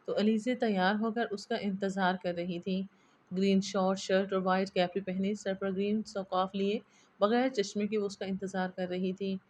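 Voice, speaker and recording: A woman reading a romance novel aloud in steady storybook narration. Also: mid-range voice. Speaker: novel reader.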